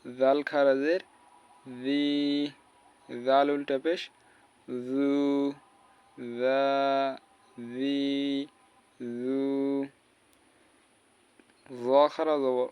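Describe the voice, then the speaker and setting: A man's voice: medium pitch, little pitch movement, extremely slow, long pauses, clear, resonant tone, highs cut off. A man, teaching a spoken lesson and spelling out letters and vowel marks syllable by syllable. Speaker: Quran recitation teacher.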